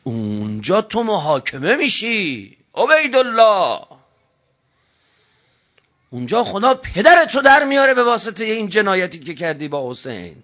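A man preaching a sermon with passion, dropping low and quiet, then rising to loud shouts, and reciting classical Arabic slowly and solemnly. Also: sing-song. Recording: dull lo-fi recording.

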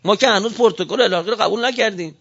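A man's voice: high voice, vocal fry, a bit bright, highs cut off. A man giving an impassioned speech, firing off heated rhetorical questions one after another. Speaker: speaker giving a political talk.

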